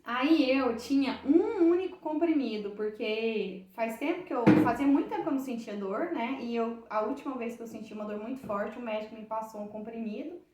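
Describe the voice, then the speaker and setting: A woman's voice: a little high, a little fast, hardly any pauses, darkish tone, echoey room, recorded from a distance, a little hiss or hum. A woman with a Brazilian Portuguese accent giving an emotional church testimony to a group of women, retelling it with heartfelt repetition and many restarts.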